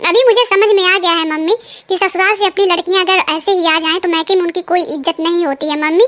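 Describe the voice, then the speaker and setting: A woman's voice: very high voice, fairly bright tone. A woman voicing a sulking, self-pitying young married daughter in a cartoon story. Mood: hurt.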